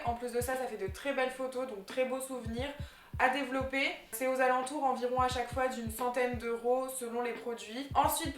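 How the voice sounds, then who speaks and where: Chatty young woman in an echoey room. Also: sits high. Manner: chatty and enthusiastic, with frequent fillers. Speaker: vlogger presenting gift ideas. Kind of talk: casual vlog chat. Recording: echoey room with faint music.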